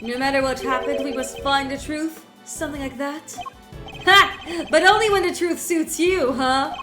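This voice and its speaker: A woman's voice: high-pitched, normal speed, fairly bright tone, pitched above the performer's own voice. A woman voicing a smug, scheming male villain in a mystery game, taunting and gloating, with music under her voice. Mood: mocking. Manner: mocking, gloating, sneering.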